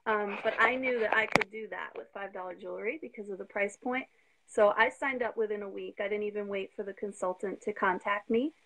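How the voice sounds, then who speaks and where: A woman's voice: mid-range voice, slight background noise. A woman in her fifties, a guest on a live video interview, telling her story eagerly and sounding slightly out of breath on a phone call. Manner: eager, talks fast when excited.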